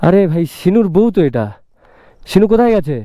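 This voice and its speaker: A motovlog host from West Bengal who earnestly coaxes and pleads, often repeating himself, speaking into a helmet mic. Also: male voice, high-pitched, big pitch swings, brisk, dark tone, no room sound. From West Bengal, India. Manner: earnest, coaxing, repeats pleas. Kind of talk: staged roadside vlog. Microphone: helmet-worn mic on a bike.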